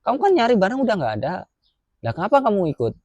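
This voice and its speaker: A man's voice: high-pitched, huge pitch swings, racing, a little mellow, dry recording, voice pushed up, heavily acted. A man voicing an angry male foreman who scolds his worker in a harsh, barking way. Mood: scolding.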